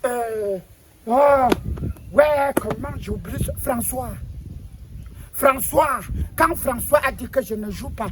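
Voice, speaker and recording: A man's voice: very high-pitched, takes it slowly, noisy background. A man playing a pompous old self-styled spokesman of the ancestors, rambling and stammering as he sermonizes. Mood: sermonizing. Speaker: comic figure lecturing on national football. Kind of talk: comedy sketch monologue.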